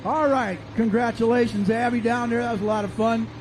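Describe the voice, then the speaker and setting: A man's voice: extremely high pitch, steady tone, brisk. A man giving casual tractor pull commentary in a folksy, informal way, thinking aloud as an announcer. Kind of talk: casual live event commentary. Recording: noisy outdoor event with vehicle sounds.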